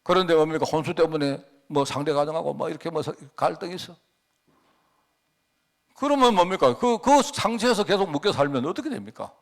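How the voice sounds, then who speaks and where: Animated male pastor preaching. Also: a little high, a little fast. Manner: rhetorical questions to the congregation; personal storytelling with emphatic swells and drops. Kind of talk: sermon.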